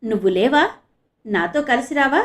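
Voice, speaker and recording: Earnest young male reporter for an audio novel, eager and lively, as a woman narrator puts him on. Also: fairly high pitch, moderate pace, natural voice.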